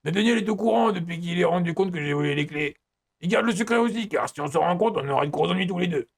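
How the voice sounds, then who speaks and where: A man's voice: sits high, fast, creaky, voice pushed up. A man reading as a cocky teenage rebel boy. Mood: teasing. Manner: cocky, teasing.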